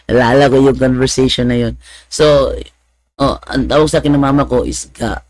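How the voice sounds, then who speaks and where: A man's voice: mid-range voice, steady tone, moderate pace, darkish tone, no echo. A man telling funny stories in a casual talk, laughing often and raising his voice when he mimics other people. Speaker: speaker telling church stories.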